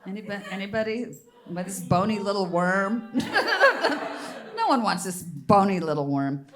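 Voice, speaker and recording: An older woman doing a bawdy stand-up comedy set on a theater stage, brash with loud squealing outbursts. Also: medium pitch, very animated, a little slow, over music. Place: theater stage before a live audience.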